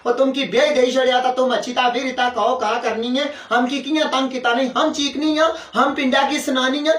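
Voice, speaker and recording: A man voicing a loud, quarrelsome sister-in-law, ranting and shouting in a comic sketch. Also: very high voice. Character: loud, quarrelsome village woman, a sister-in-law tired of housework. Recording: roomy and distant.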